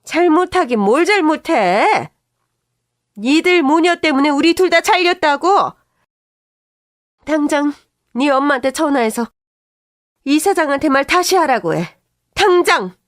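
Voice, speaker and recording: A woman voicing a furious older mother-in-law who yells accusations. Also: high-pitched, animated, measured pace, long pauses, no room sound, studio quality, pitched above the performer's own voice. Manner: yelling, accusing.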